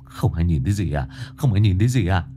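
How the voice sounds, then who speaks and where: A man's voice: sits low, animated, fast talker, mellow, soft background music. A man voicing a panicked young man who insists he sees a ghost, pleading and rising to a cry. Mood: terrified.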